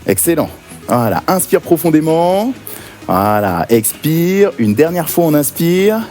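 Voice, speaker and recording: An energetic male fitness coach calls out punches and counts with lively swings in pitch. His tone is dark and mellow, and faint music plays behind him. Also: a little slow. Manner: energetic, encouraging counting and cues. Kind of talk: guided workout class.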